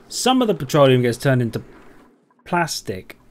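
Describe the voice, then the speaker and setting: A man's voice: mid-range voice, sing-song, moderate pace, darkish tone. A man doing gameplay commentary, thinking aloud in a rambling way and asking himself questions. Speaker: game streamer, let's play host.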